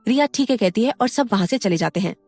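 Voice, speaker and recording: A woman narrating an audio story in an even storytelling manner. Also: fairly high pitch, fast talker, soft background music.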